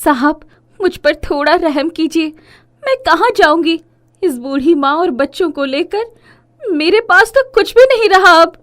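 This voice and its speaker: A woman voicing a desperate young mother in an animated story, pleading in a high, strained voice. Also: slow pace. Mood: despairing, pleading.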